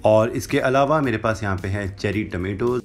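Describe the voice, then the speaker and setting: A cooking-channel host, a young man with a lowish voice speaking at normal speed, gives a recipe demonstration voice-over. He instructs step by step in Hindi, dropping in English phrases, from a home kitchen with a brick wall. Soft music plays in the background.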